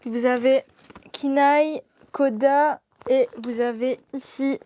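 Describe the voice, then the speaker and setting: A woman's voice: high voice, steady tone, slow pace, warm tone, no room sound. A young woman presenting products in a shop during a live stream, gushing and laughing often.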